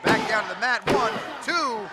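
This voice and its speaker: A man calling a live pro wrestling match play-by-play with excited, dramatic delivery over a noisy venue. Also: high-pitched, moderate pace, over a noisy crowd.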